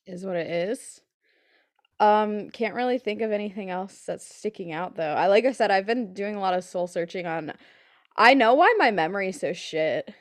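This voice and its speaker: A young woman chats casually as a podcast co-host, blunt and laid-back with plenty of swearing. Her mid-pitched voice has very little room echo. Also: animated, moderate pace.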